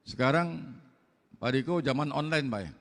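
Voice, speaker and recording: An older man with a Betawi accent preaching a blunt, loud mosque sermon in slangy street talk, firing rhetorical questions at the congregation. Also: medium pitch, normal speed. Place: large mosque hall. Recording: long mosque reverb.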